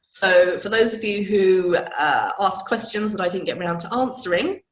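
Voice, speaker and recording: Croaky woman teaching a spreadsheet webinar. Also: medium pitch, moderate pace, reverberant, slight background noise, low-quality recording. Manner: explains step by step, reads out attendee questions. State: croaky, unwell voice. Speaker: Excel trainer. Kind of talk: live webinar tutorial with Q&A.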